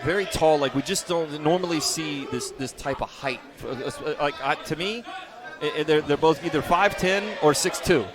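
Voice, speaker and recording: A man's voice: a little high, moderate pace. A man doing live play-by-play commentary at a combat sports event. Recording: live event with crowd and music. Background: crowd noise and music.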